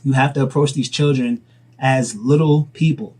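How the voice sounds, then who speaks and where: Earnest young dad giving advice. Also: male voice, mid-range voice, moderate pace, darkish tone, slightly rough. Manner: earnest, fatherly, rambling with restarts. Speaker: dad vlogger and entrepreneur. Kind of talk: casual advice vlog.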